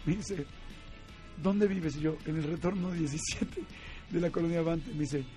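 Animated Mexican man telling a story. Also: a little high, normal speed, faint music behind. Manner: animated, laughs often, acts out quoted voices. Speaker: guest. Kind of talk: casual storytelling.

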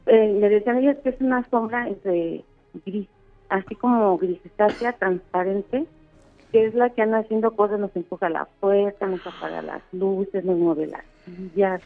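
A woman's voice: mid-range voice, no echo. A woman, calling in to a radio show and talking earnestly over the phone. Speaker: caller. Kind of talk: phone-in call. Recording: tinny phone line.

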